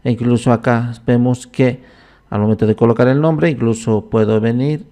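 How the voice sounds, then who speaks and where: Mellow-voiced man teaching a software tutorial. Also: medium pitch, fairly even intonation. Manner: unhurried, thinking aloud with frequent "entonces". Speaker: software instructor. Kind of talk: screen-recorded software tutorial.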